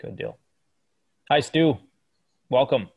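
A man's voice: mid-range voice, takes it slowly, breathy edge, dull audio. A man chairing a meeting over a video call, easygoing and greeting each person who joins. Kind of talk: casual video-call chat.

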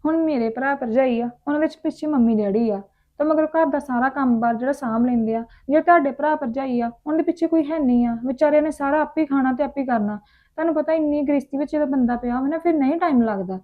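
Woman, quick high voice, reassuring, tinny phone-like sound. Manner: reassuring, persuasive. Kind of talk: village drama acting.

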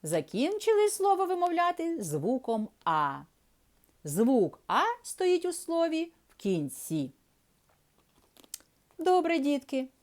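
A woman gives a reading lesson to small children in a patient, sing-song voice. Her pitch sits a little high and rises and falls widely. She speaks slowly and carefully. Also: huge pitch swings, darkish tone. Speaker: preschool teacher. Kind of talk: early-years reading lesson.

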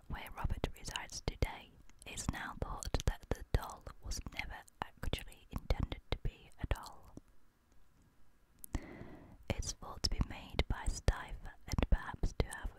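A young woman reads a creepy story in a hushed, breathy ASMR whisper, very close to a studio microphone. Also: low-quality recording.

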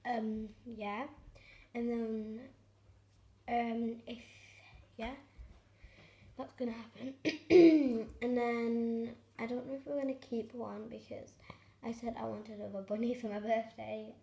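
Excitable rambling woman in echoey room. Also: a little high, takes it slowly, gravelly, long pauses. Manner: rambling, excitable, lots of fillers. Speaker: vlogger. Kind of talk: casual chat to camera. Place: home. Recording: echoey room with faint noise.

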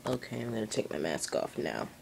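A video channel host making a casual announcement to viewers, halting and muffled by cloth over the face. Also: medium pitch, sing-song, darkish tone. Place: indoors in a room, seated in an armchair. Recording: clear background room noise.

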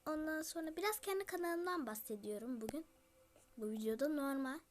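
A woman's voice: sits high, animated, a little fast. A female YouTuber giving chatty game commentary, talking straight to her viewers and slipping into whispered asides. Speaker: gaming YouTuber.

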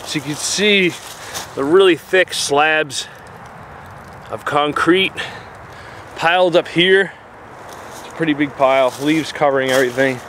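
This unhurried man's voice is fairly high and fairly bright, broken by long pauses, with a little hiss or hum present. Walking in the woods, the outdoor explorer vlogger, who has a New Jersey accent, casually narrates what he finds into a handheld camera, using plain words and plenty of fillers.

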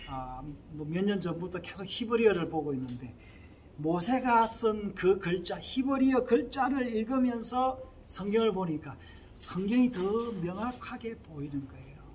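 This man preaches a sermon in a Gyeongsang accent, pitched rather high for a man. He keeps turning to the congregation with rhetorical questions in an earnest pastor's manner. A light background noise sits under his voice. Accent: Gyeongsang Korean. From Gyeongsang region, Korea. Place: Korea-linked small church abroad.

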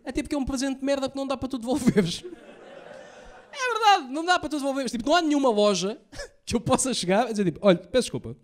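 A young man with a European Portuguese accent doing a stand-up set, telling profane stories rapid-fire and acting out the lines he quotes. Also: extremely high pitch, sing-song. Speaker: stand-up comedian. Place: comedy stage before a live audience.

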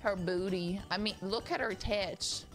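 A woman streamer cracking crude jokes in loud, giggly banter with viewers. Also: medium pitch, fairly even intonation, unhurried, soft background music. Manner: crude, giggly and brash, jumping to squeals.

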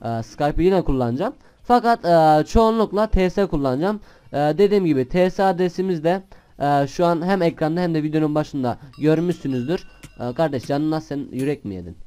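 A young man chats through his gameplay in a loose, rambling way, going off on tangents. His voice is smooth and clean, pitched a little high for a man. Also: animated, brisk. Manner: chatty and rambling, bursts into shouted swearing at other players. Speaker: gaming channel host. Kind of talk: casual gameplay commentary.

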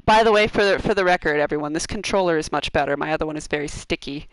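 A woman streaming a video game, chatting casually with her viewers and a co-op partner, bubbly and quick to laugh and joke. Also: low voice, dry recording, low-quality recording. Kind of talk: casual live-stream chat.

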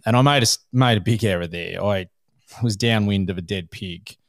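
A man with an Australian accent hosts a podcast, spinning his stories in a loose, animated way with bits of laughter and casual slang. His voice sits low, and the sound is dry and close with no room in it. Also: normal speed, no echo. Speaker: podcast host. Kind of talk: casual storytelling chat.

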